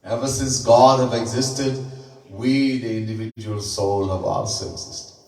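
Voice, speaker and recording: Man giving a slow echoey home sermon. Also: medium pitch, steady tone, darkish tone. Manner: slow, deliberate teaching with chanted Sanskrit verses. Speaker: swami giving a spiritual discourse. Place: home gathering room. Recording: echoey room, mic at a distance.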